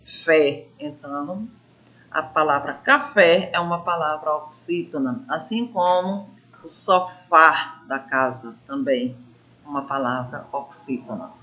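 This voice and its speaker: A woman teaching a grammar lesson, drawing out syllables slowly to show stress and asking her pupils questions. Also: deep voice, pushed and bright. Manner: addresses pupils as gente, asks questions. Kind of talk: classroom lesson explanation.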